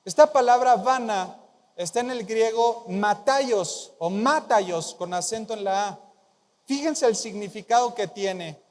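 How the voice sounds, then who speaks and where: A man's voice: high-pitched, big-room sound. A man preaching a sermon as pastor, emphatic, repeating key phrases and prompting the congregation to answer. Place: large church hall.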